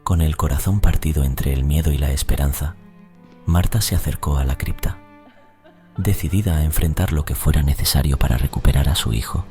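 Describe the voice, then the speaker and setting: A man narrating a scripted horror story in a solemn, ominous, measured storytelling manner. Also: rumbling low, dark tone. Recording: music bed under voice. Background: music.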